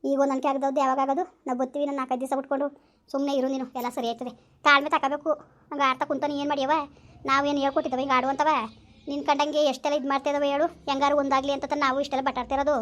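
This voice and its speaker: A middle-aged woman with a high voice who speaks very fast. She holds a flat tone, firm and soothing, and says the same reassurances over and over on the phone. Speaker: aunt on a phone call. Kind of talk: consoling phone talk.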